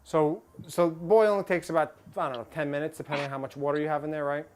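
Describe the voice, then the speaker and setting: A man's voice: fairly high pitch, steady tone, fast, slight background noise. A man hosting a live cooking show who jokes around and often stammers and repeats his words while he cooks. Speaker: show host cooking on air.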